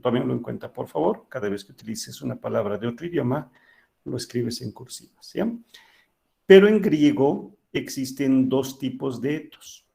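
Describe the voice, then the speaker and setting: A man's voice: medium pitch, expressive, normal speed, creaky, dark tone. A male teacher giving an online class lecture, explaining patiently and often checking that students follow.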